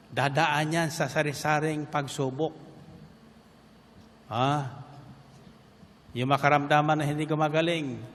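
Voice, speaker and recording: A male preacher with a fairly high voice delivers an animated sermon, moving between Filipino and English scripture reading and calling out to his listeners. His voice rings with a long reverb, and a faint hum of room ambience sits behind it.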